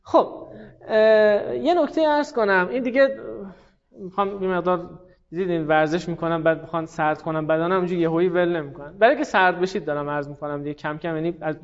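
A man teaching Arabic grammar in a classroom lecture, explaining patiently and reciting verb conjugations in quick drills. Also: sits high. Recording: dull lo-fi sound.

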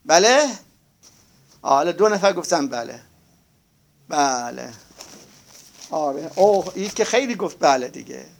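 High, gravelly male teacher drawing out words. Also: big pitch swings. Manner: slow, drawn-out spelling of words, asks class to confirm. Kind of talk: Arabic grammar lesson.

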